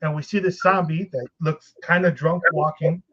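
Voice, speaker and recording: A man's voice: a little high, fairly even intonation, moderate pace, fairly bright tone. A man co-hosting a podcast, telling a long, rambling, profane story and laughing often. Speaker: podcast co-host. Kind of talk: casual storytelling. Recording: dull lo-fi podcast recording.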